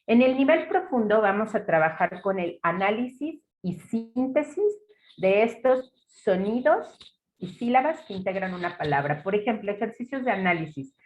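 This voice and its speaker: A woman's voice: medium pitch, dull audio, slight background noise. A woman with a Mexican Spanish accent giving an academic talk with slides. She explains methodically, step by step, with example words. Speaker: lecturer.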